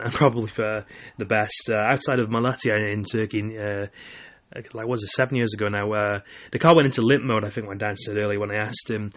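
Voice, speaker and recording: A man's voice: on the low side, fairly bright tone. A young man from Wales talking casually on his solo podcast, rambling with lots of filler words and restarts. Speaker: podcast host.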